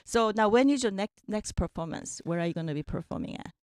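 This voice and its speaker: A woman's voice: medium pitch, expressive, fast, a little mellow, no room sound, clean studio sound. A woman interviewing a musician, chatty and encouraging, with frequent backchannel murmurs. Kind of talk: casual interview.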